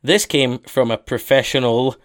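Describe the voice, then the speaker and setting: A man's voice: mid-range voice, moderate pace. A man co-hosting a podcast in a casual, conversational style. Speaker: podcast co-host and car detailer.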